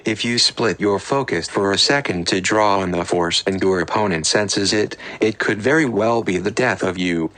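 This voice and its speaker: A man voicing a cool, slow-spoken Sith mistress. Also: fairly low pitch, natural voice. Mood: stern lecturing. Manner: calm, instructive, measured.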